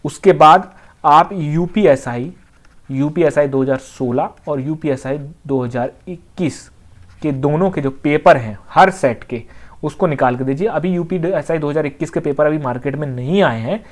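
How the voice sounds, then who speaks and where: An exam coaching teacher with a mid-range voice speaks at a moderate pace, explaining things in a casual, conversational manner. They go over points repeatedly and frequently check whether students are following.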